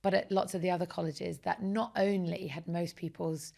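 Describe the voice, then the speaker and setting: A woman, a guest in a relaxed interview. Her voice has a gravelly, creaky edge. She speaks with animated, enthusiastic energy. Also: fairly low pitch, normal speed. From Essex, England. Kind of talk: casual conversational interview.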